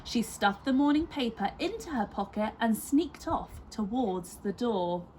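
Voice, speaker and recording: Woman, children's story narrator, expressive, slow pace, lively intonation, child-directed emphasis, slight background noise. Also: on the high side, poor audio.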